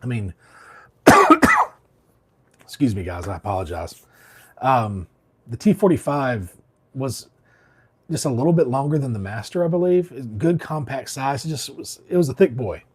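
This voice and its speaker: A man's voice: medium pitch, sing-song, measured pace, long pauses, a bit bright, husky. A man from Alabama, hosting a barber livestream, chatting casually and reading out comments while a bit under the weather. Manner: rambling, laid-back, many fillers and restarts.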